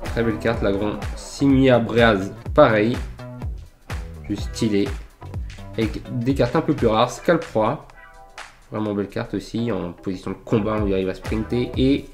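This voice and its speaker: A man's voice: lowish voice, a little slow, soft background music. A man in a casual collector vlog, filmed indoors under lamps with a desk mic, showing flea-market finds enthusiastically with lots of fillers. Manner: enthusiastic, many fillers and "voilà". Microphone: desk microphone near camera.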